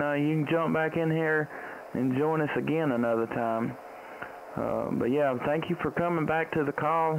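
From a small indoor radio room at home, a middle-aged Tennessean chats and makes calls during a relaxed ham radio livestream. A close headset boom microphone captures him with dull, lo-fi audio and a faint hiss of radio noise.

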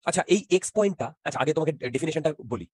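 A man's voice: a little high, animated, racing, darkish tone, dry recording, clean studio sound. A man teaching physics in an interactive online class, often checking whether students follow and mixing in English terms.

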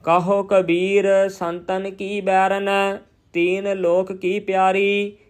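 A man recites scripture verse by verse in a high, smooth, resonant voice, keeping a slow, steady, flat chant. Between verses he stops to explain the correct pronunciation as a teacher. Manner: chants verses slowly and evenly, then explains pronunciation briskly.

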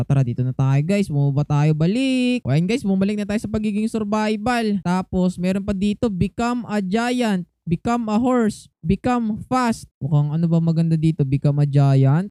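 A woman's voice: fairly low pitch, dark tone, smooth, dry recording, studio quality. A woman hosting a gaming channel, giving playful commentary and calling out to viewers all the time. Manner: chatty, keeps calling out to the viewers.

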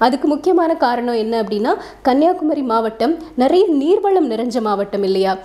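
Female narrator, fairly high, mellow voice, relaxed explanatory storytelling. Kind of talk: narrating a short story with introduction.

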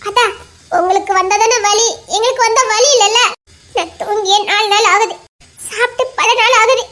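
Woman doing a tearful young college girl, lamenting, Tirunelveli Tamil accent, very high voice. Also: steady tone, normal speed, sharp tone. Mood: bitter. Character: young female college student, torn and despairing. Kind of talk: audio drama acting.

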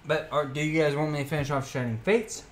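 A man's voice: a little high, steady tone, fast talker, a little hiss or hum. A young man streaming live, reading card names aloud as he opens packs and chatting casually with his viewers.

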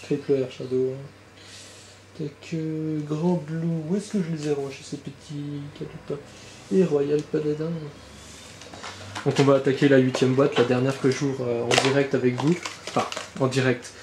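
A man talks his way through a casual card unboxing, chatty and loose, with a mellow, darker voice. He rambles with fillers and swears offhandedly. The room around him is roomy and echoey, with a faint hum of background ambience. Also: medium pitch, level tone, a little slow. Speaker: channel host opening trading card boxes. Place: indoor room with birds outside.

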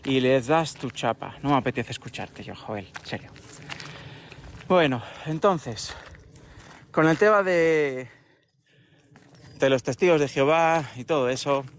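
A man hosting a casual livestream chat, talking in an animated way with rhetorical questions and mocking imitations. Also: mid-range voice, measured pace, a little hiss or hum. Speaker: livestream host.

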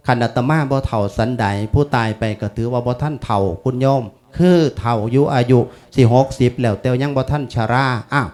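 A man's voice: mid-range voice, darkish tone. A man in his fifties, a monk with an Isan accent, giving a folksy, chatty funeral sermon laced with chanted Pali. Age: 50s.

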